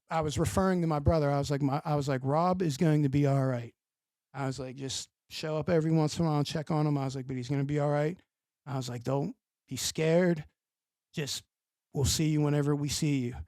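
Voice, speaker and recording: Pittsburgh man, gravelly and dry-miked, animated profane storyteller. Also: a little high, dry recording. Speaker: podcast guest. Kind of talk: casual storytelling.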